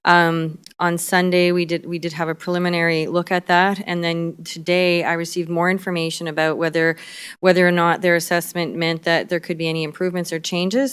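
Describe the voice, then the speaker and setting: A woman doctor answers questions at a government health briefing. Her voice sits a little low and is strikingly smooth and clear. She speaks in a measured way, filling pauses with "um" and "uh". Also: fairly bright tone. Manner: measured, with frequent fillers.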